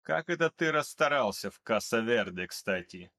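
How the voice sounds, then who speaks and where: A man reading an audiobook, voicing a cold, calm male mercenary who speaks in a flat, unhurried way. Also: mid-range voice. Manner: flat, even, unhurried delivery.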